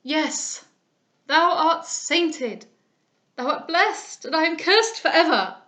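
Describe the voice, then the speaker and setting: In a high-pitched, slightly bright voice at normal speed, a woman reads the part of an older aristocratic father racked with remorse, his anguish breaking out in declamatory, impassioned cries.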